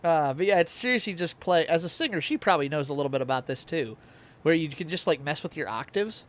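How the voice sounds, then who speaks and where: Playful male streamer with lively pitch. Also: quick pace. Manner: playful, plays with his voice and octaves. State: hiccups. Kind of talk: casual live-stream chat.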